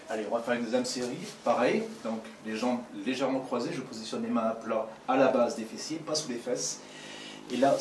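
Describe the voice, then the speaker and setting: A man coaches an abdominal workout, counting reps and repeating slow breathing cues as he exercises. His voice carries from a distance in a roomy space. Steady background noise runs under him. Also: mid-range voice. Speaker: fitness coach. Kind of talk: guided exercise instruction.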